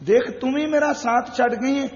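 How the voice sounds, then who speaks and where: A man giving a Sikh sermon, telling stories and slowly chanting verses in a sing-song way. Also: very high-pitched. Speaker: preacher. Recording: dull long reverb.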